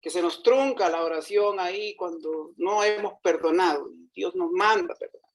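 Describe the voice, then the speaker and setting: A man's voice: high voice, very animated, moderate pace, vocal fry, rough recording. A man preaching a sermon in a conversational way, often checking in with his listeners. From Costa Rica. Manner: conversational, frequent rhetorical tag questions.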